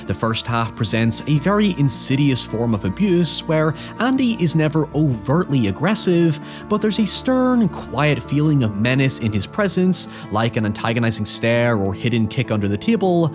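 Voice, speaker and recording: A man delivers scripted video essay narration in a mid-range voice with animated, swooping intonation. He is articulate and analytical, with wry touches here and there. Guitar music plays clearly behind him. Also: medium pitch, normal speed, few pauses. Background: background music with guitar.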